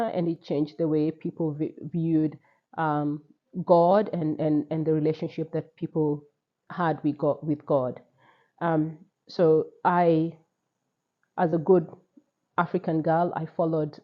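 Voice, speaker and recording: A Kenyan woman in her forties sharing a personal faith testimony, reflective and measured, with frequent pauses and repeated words. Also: low voice, dark tone, highs cut off. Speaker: testimony speaker.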